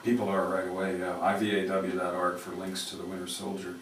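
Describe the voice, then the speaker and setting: A man working as a public radio host, interviewing conversationally in halting, rambling phrases. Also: low voice, completely flat delivery. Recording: roomy, distant, noisy radio interview.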